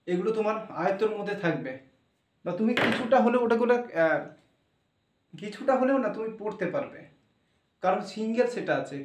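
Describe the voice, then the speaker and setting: A man with a high voice teaches English spelling, spelling each word out letter by letter and repeating himself to drive the point home. He is set back from the microphone in a roomy, echoing space. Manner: explains step by step, spells words out letter by letter; repeats phrases, pauses to check spellings. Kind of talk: spelling and pronunciation lesson. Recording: roomy echo, mic some distance away.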